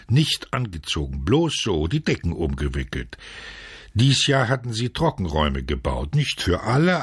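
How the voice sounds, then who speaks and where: A man reading a novel aloud as scripted narration, measured and steady, switching to loud shouts for quoted lines. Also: lowish voice, breathy edge, dry recording, clean studio sound. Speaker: audiobook narrator.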